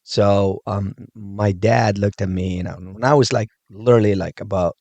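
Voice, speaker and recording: Deep-voiced man from Morocco, chatty. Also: moderate pace, no room sound, muffled recording. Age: 30s. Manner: animated, laughing, fills with "like" and "you know". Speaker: judo instructor, podcast guest. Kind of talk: casual storytelling chat.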